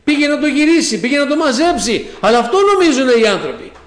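High-voiced fervent male preacher. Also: very animated, reverberant. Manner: fervent, peppered with amen and hallelujah; addresses listeners as brothers and sisters. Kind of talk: sermon.

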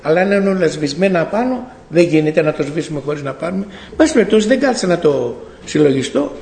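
A middle-aged man tells his faith testimony to a congregation in a gravelly, slightly high voice. He tells it like a story, acting out the dialogue and often correcting himself as he goes. The sound rings through a church hall with a long reverb. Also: animated, darkish tone. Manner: storytelling, acts out dialogue, frequent self-corrections. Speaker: church member giving testimony.

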